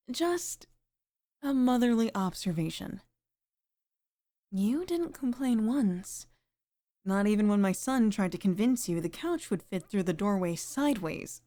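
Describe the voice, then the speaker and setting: A woman plays a sweet, middle-aged single mother in an intimate ASMR roleplay, speaking softly and flirtatiously with sighs and pauses. Her mid-range voice is very animated, and her mood is admiring and playful.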